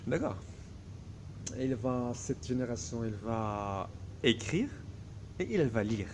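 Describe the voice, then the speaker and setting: A vlogger, a man whose first language is Arabic, delivers a grandiose solo video monologue in a self-assured tone, though it's full of hesitations. His mid-range voice is animated and a little slow, with a slight hiss or hum in the recording.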